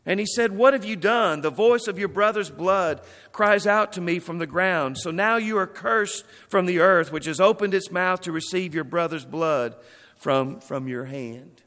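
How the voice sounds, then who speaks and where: A man with a high voice preaches a sermon. He reads scripture aloud and then comments on it. A long reverb trails each phrase. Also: a little slow, sharp tone. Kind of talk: sermon reading and explaining scripture.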